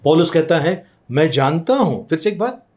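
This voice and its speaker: Man, pastor, fervent sermon, slightly high voice, repeats scripture phrases, praise exclamations. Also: sing-song, normal speed, a little mellow. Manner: preaching fervently, repeating each scripture phrase after the reader; drops English words and praise exclamations into his Hindi. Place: church service.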